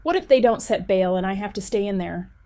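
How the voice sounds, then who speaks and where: A woman's voice: mid-range voice, lively intonation, fairly quick, mellow, close to an everyday voice. A woman voicing a frightened young female employee who speaks in a shaky voice, close to tears, in an audiobook.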